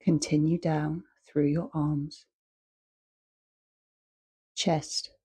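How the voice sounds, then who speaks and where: A meditation teacher, a woman with a low, slightly rough voice, guides her listeners calmly. She keeps her phrasing short and measured and leaves long pauses.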